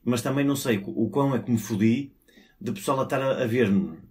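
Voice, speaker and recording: A man's voice: medium pitch, a little fast, a little mellow. A man from Porto, a stand-up comedian, talking casually, rambling with fillers, restarts and swearing. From Porto, Portugal. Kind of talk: casual podcast conversation.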